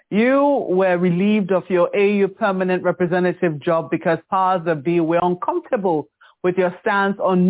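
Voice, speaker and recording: A man hosting a TV interview show from a studio. He reads his introductions and asks questions in a measured, formal and courteous way. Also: sits high. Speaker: TV talk show host. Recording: tinny phone-like rebroadcast.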